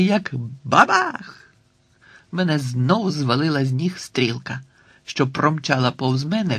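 Lively husky male storyteller. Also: on the high side, no echo. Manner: lively, expressive reading. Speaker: audiobook narrator. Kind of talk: first-person storybook narration.

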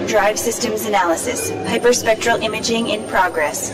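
A woman as efficient, higher-pitched female vehicle computer. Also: normal speed, natural voice, rough recording. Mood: procedural. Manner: clipped, procedural. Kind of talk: scripted ride system announcements. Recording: loud music behind.

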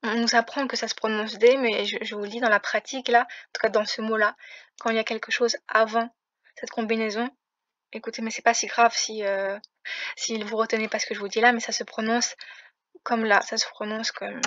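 Lady teacher explaining sounds slowly and patiently, kinda muffled dry mic. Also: fairly high pitch, fairly bright tone, dry recording. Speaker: language teacher. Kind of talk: language lesson. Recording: muffled, dry close recording.

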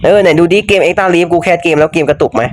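A man's voice: on the high side, fast talker, slight background noise. A young man casually commenting on a mobile game he plays, chatty, swearing freely and joking about his own mistakes. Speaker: gaming YouTuber. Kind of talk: casual let's-play commentary.

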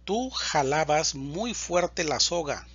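A man teaching Spanish, slowly and deliberately reciting verb conjugations in a drill. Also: a little high, expressive, a bit bright, breathy edge, dry recording, lo-fi sound. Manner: deliberate, enunciates each word.

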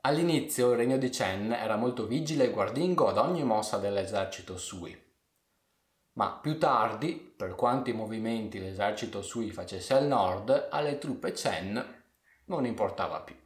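A man narrates an ancient story in a measured storyteller's voice and throws in playful asides to his audience. His voice is low. The room around him gives it a noticeable echo. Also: lively intonation. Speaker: history storyteller.

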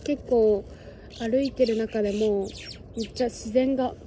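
Out on a windy hilltop fortress, a Japanese travel vlogger in her twenties talks chattily to a nearby phone camera, musing as she goes and using a sing-song voice for birds and cats. She speaks on the high side, steady and measured, with a dark tone and slight background noise.

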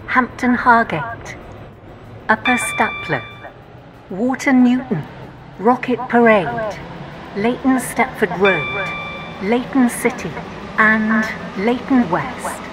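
A woman's voice: on the high side, crowd noise. Spliced-together train announcement woman. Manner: slow, even, measured. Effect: automated announcement spliced together from separate recorded words. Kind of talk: formal pre-recorded announcements.

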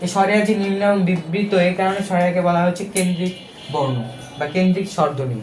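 In an echoey room with slight background noise, a fast-talking young man with a Bangladeshi accent and a high, steady, slightly mellow voice works through exam prep one step at a time. He asks rhetorical questions, speaks casually with fillers, and corrects himself as he goes.

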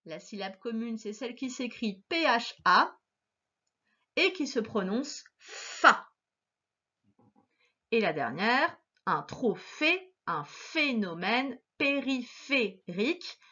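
A woman's voice: on the high side, very animated, slow pace, bright, forceful tone, muffled recording. A woman teacher giving a recorded phonics lesson to a child, patient and encouraging, stressing each sound.

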